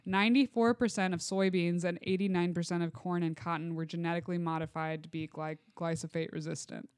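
Clear-voiced podcast host in casual explainer mode. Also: medium pitch, level tone, brisk, no room sound, studio quality. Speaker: podcast co-host presenting research. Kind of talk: casual explanatory talk with joking asides.

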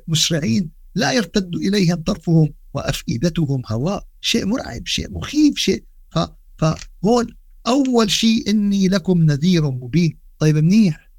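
Fast high-voiced Levantine man preaching. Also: dry recording, studio quality. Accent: Levantine Arabic. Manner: animated, rhetorical questions, Quran quotes woven into dialect. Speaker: Islamic lecturer. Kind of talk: religious podcast lesson.

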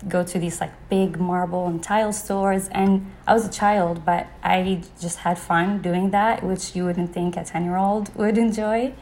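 A woman's voice: lowish voice, darkish tone. A young adult woman from Saudi Arabia, a podcast guest, telling her story in a casual interview with frequent "like" and "you know". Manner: conversational, peppered with "like" and "you know".

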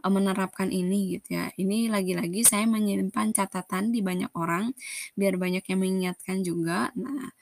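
A woman's voice: medium pitch, fairly even intonation, moderate pace, creaky, a little mellow, no echo. A woman giving a casual teaching talk on family communication, explaining step by step with worked examples and frequent fillers. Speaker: parenting speaker.

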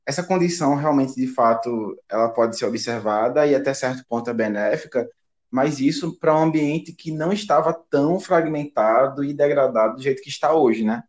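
A man's voice: mid-range voice, normal speed, a little mellow. A man with a Brazilian Portuguese accent, a teacher hosting an educational podcast, explaining in a teacherly way and often ending with tag questions.

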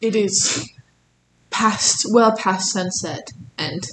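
A woman's voice: mid-range voice, extremely slow, fairly bright tone, echoey room, slight background noise, low-quality recording. A woman running a tabletop game as game master, narrating casually with lots of fillers. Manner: casual, filler-heavy narration with many likes and ums.

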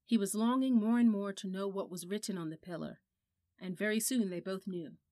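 A woman's voice: mid-range voice, fairly quick, dark tone, no echo. Woman reading a children's story. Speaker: audiobook narrator. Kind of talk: scripted storybook narration.

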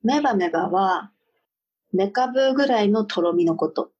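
A woman in relaxed casual chat with a friend, trying out odd sounds and laughing along. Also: mid-range voice, moderate pace, breathy edge. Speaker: co-host. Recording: dull lo-fi recording.

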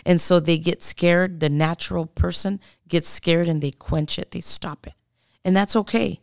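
A woman speaking as a guest minister, earnestly telling a faith testimony and slowly acting out the prayers she leads. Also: lowish voice, fairly even intonation, vocal fry, no room sound, clean studio sound. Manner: earnest, slow and deliberate, acts out prayers. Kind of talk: testimony in a podcast interview.

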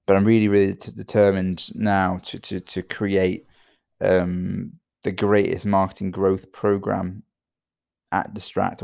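A man's voice: sits low, creaky, a little mellow, no room sound, studio quality. A tired British man hosting his own podcast, talking on in a rambling way with many fillers and repeated words. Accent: British English. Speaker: podcast host and entrepreneur. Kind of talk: solo podcast monologue.

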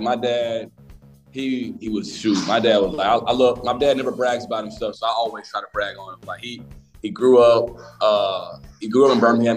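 A young man from Alabama, a college basketball player chatting as a podcast guest in a relaxed, rambling way. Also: on the low side. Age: young adult. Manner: relaxed, rambling, many restarts. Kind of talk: casual interview chat.

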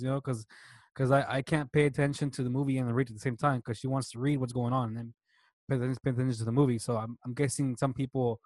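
A man's voice: mid-range voice, darkish tone, no echo. Hesitant man chatting on a podcast. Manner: hesitant, lots of restarts and fillers. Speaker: podcast co-host. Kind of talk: casual chat.

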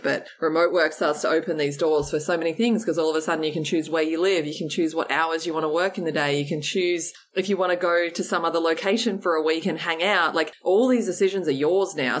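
A woman's voice: deep voice, a little hiss or hum. A woman, a company CEO guest, talking animatedly in a casual interview, often saying "like" and laughing. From Australia.

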